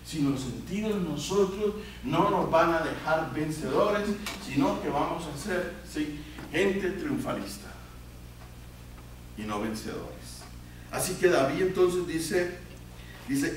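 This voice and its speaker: A man preaches in a church sanctuary, his fairly high voice ringing through a very reverberant hall and picked up from a distance. He keeps tossing questions to the congregation and swings from loud emphatic peaks to quiet low asides. A faint hiss sits under the room sound. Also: lively intonation, unhurried. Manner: call-and-response questions to the congregation. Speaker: pastor. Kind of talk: sermon.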